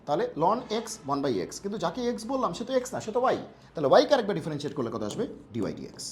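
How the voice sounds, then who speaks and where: A man tutoring math for an exam, fast and playful, using jokey homely analogies. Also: high voice, huge pitch swings, a little mellow, a little hiss or hum. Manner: talks fast on purpose. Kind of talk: exam-prep math lesson.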